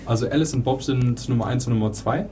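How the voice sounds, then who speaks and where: A man's voice: medium pitch, fast, over music. A man co-hosting a podcast, reading facts from a web page in a casual, matter-of-fact way. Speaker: podcast co-host.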